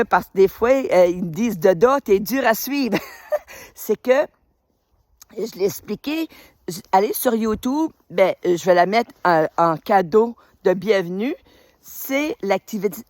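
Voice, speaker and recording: A retired teacher and spiritual group leader, aged in her fifties and from New Brunswick, Canada, welcomes her followers by phone from a road outdoors in winter. Her mid-range voice is animated and unhurried, and the sound is clean, studio-like, with no room sound. She rambles casually and warmly, leaning on many fillers.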